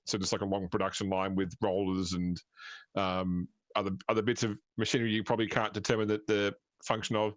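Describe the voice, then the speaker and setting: A man working as game master, improvising tabletop scene narration in a halting way, piecing descriptions together as he goes. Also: lowish voice, dry recording, lo-fi sound.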